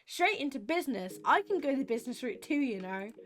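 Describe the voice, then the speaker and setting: A woman's voice: high-pitched, sing-song, fairly quick. A woman voicing a prickly, curt female police dispatcher in a game.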